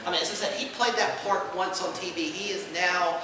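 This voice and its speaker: A man running a fan convention panel talks fairly quickly in a high-pitched, bright, forceful voice with a steady tone, improvising explanations and emphasizing them enthusiastically. The unscripted talk is recorded distantly in a very echoey room with faint noise.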